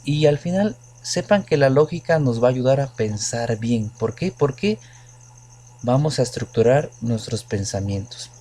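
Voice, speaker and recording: A man's voice: medium pitch, lively intonation, a little slow, warm tone. A man teaching logic to his students, explaining patiently with many examples and questions to the class. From Mexico. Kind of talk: recorded lecture to students.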